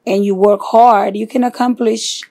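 A woman from Honduras being interviewed for an oral history, answering softly and hesitantly with many fillers. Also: medium pitch, fairly even intonation, normal speed.

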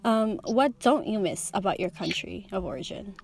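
Her voice is medium-pitched, gravelly, a little mellow and breathy, at a moderate pace. On a remote video call, this woman conducts an oral history interview, keeping her questions short and plain and her follow-ups hesitant.

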